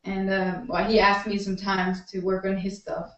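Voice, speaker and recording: A woman, the guest's partner, speaking quietly and relaxed in a casual chat, recorded as a distant, echoey, slightly dull sound. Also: medium pitch, normal speed.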